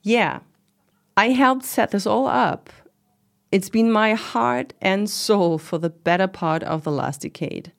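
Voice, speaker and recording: A woman's voice: mid-range voice, slow pace, creaky. A woman playing a proud middle-aged commune organizer in an interview drama, talking in a casual, reflective, lightly wry way. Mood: proud, explanatory. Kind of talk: conversational oral-history interview acting.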